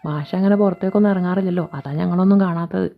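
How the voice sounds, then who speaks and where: A woman's voice: on the low side, steady tone, very fast, gravelly. A woman voicing a cheerful, chatty schoolboy talking to his teacher. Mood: curious. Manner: chatty, explanatory. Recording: dull lo-fi sound. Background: faint background music.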